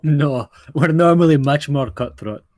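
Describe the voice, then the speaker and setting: A man's voice: a little high, a little slow, a little mellow, no echo, clean studio sound, lightly acted. Man acting a defensive, haggling dwarf merchant. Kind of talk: tabletop role-play.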